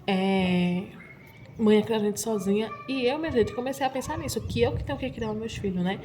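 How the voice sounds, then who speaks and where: A woman's voice: fairly high pitch, fairly quick, background noise. A woman from Pernambuco, confiding in her viewers as a vlogger. She repeats herself often and keeps turning to address her audience directly. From Pernambuco, Brazil. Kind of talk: emotional personal confession to viewers.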